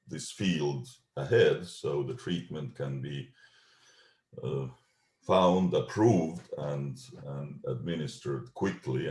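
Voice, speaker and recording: A middle-aged man with an Estonian accent giving a scientific talk over a video call, measured and full of ums and uhs. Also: a bass voice, darkish tone. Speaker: genetics researcher giving a talk. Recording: echoey room.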